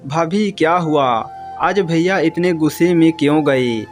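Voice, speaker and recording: A man's voice: a little high, unhurried, close to an everyday voice. A man playing a humble young male house servant who speaks politely and with concern, over faint music.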